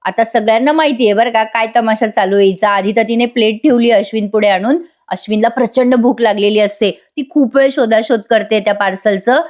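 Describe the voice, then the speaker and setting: A woman's voice: on the high side, a little fast, few pauses, darkish tone. A woman narrating a voice-over recap of a TV serial, chatty and addressing viewers directly. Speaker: TV serial reviewer.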